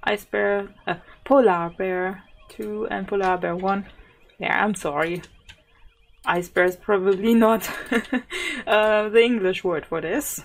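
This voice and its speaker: A German woman who hosts a gaming channel comments casually on a zoo game despite a sore throat. Soft-spoken, she thinks aloud with many fillers and little laughs, in a mid-range voice at a slow pace.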